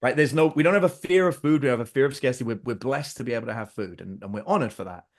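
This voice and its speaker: A middle-aged man with a medium-pitched voice speaks very fast as a podcast guest. In casual talk, he relates family stories and acts out the lines of both himself and his kids with animation.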